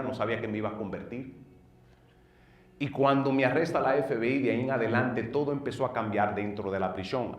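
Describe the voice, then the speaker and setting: Earnest Dominican pastor in an echoey room. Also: male voice. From northeastern United States. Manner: earnest storytelling that swings between loud bursts and low murmurs. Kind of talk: personal testimony. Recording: roomy sound from a distant mic.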